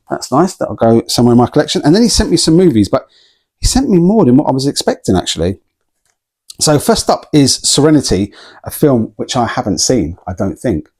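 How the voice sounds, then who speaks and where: Husky-voiced guy rambling through a casual vlog, lots of ums and laughs. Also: medium pitch, darkish tone. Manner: chatty storytelling with frequent laughs and ums. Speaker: vlogger.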